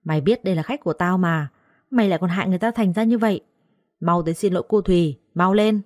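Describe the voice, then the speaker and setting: A woman voicing a harsh middle-aged mistress who shouts and scolds her servant girl. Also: lowish voice, fast, no room sound, clean studio sound, lightly acted. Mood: furious scolding.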